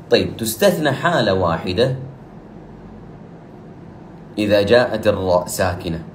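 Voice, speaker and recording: Male recitation teacher, low voice, brisk explanations with slow recited examples, echoey room. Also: a little hiss or hum. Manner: explains rules quickly, then recites verses slowly and louder. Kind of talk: tajweed lesson with recited examples.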